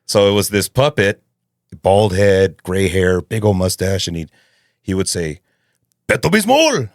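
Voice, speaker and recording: A man with a low, deep voice chats as a podcast guest. He is a voice actor and comedian who tells stories with a lot of energy and laughs easily. The recording sounds close and dry. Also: measured pace, no echo. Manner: animated storyteller who laughs often. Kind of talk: casual chat.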